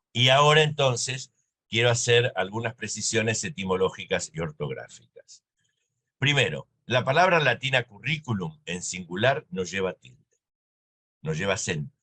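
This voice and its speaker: A man's voice: lowish voice, a bit bright. A man with an Argentine accent giving a recorded university lecture, explaining step by step and often checking in with his students. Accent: Argentine Spanish. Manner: didactic, checks in with "¿sí?" and "¿eh?".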